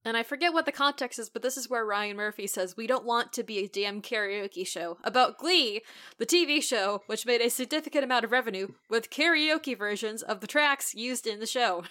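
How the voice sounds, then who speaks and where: A woman co-hosting a podcast in casual, animated chat, recapping a show and acting out quotes. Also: fairly high pitch, fairly quick. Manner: animated, giggly, acts out quotes. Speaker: podcast co-host.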